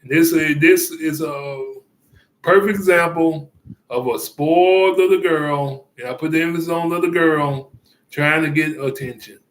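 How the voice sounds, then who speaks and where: A man giving casual commentary, rambling and halting with many fillers and restarts, chuckling often. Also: a little high, a bit bright, roomy sound, rough recording.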